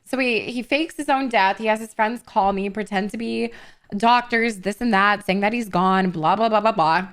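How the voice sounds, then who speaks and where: A young woman telling a story in character during a roleplay stream, animated and swearing, building to indignant outbursts. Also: medium pitch, moderate pace.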